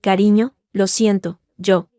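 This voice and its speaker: A man's voice: high-pitched, fairly even intonation, slow pace, dark tone, clean tone, dry recording, clean studio sound. A woman doing a honeyed, manipulative husband. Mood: pleading. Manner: pleading, honeyed. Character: manipulative husband turning sweet and pleading. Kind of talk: scripted narration.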